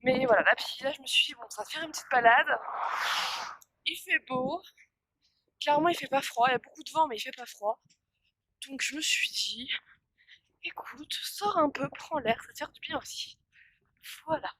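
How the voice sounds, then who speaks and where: A young woman vlogs casually to her phone, held at arm's length, on a windy outdoor walk, tired and congested from pollen allergies and coughing. Her voice is high-pitched and fairly bright at normal speed, with long pauses, many fillers, and restarts as she rambles. There's no echo, but the recording is low quality.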